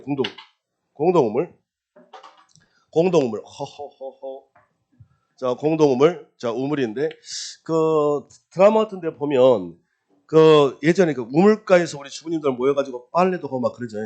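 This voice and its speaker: Lively male lecturer drilling exam terms. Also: on the high side, moderate pace, highs cut off. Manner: quizzes students with rhetorical questions and answers them himself; repeats key terms in a singsong drill. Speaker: real estate law lecturer.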